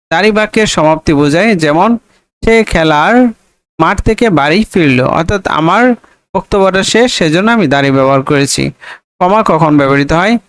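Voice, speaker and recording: Man, tutor, slow explanatory lesson, smooth voice, dry recording. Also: on the high side, fairly bright tone, dry recording. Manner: slow, explanatory, repeats questions then answers them. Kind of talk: reading and explaining a textbook lesson.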